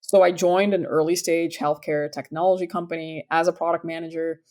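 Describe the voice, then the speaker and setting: Woman from sudan in her 30s, low voice, upbeat and chatty, lots of ums. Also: flat delivery, fairly quick, darkish tone. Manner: upbeat, enthusiastic, frequent fillers. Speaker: startup founder, guest. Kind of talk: conversational interview answers.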